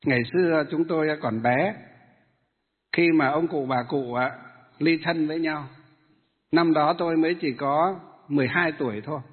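A Buddhist monk giving a dharma talk to lay followers, asking the audience questions and then answering them himself. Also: male voice, a little high, moderate pace, husky. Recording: tinny phone-like sound in a hall with long reverb.

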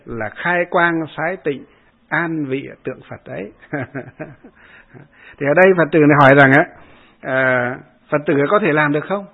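A man, a Buddhist monk, giving a dharma talk that answers a follower's question, explaining step by step with many hesitation fillers and short chanted verses. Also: on the high side. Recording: husky voice over tinny phone-like line.

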